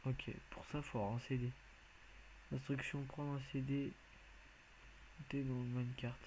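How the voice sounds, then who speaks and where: A man's voice: mid-range voice, level tone, normal speed, darkish tone, a little hiss or hum, poor audio. A man giving casual, rambling commentary as he plays a video game, hesitant and full of filler sounds. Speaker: video game let's player.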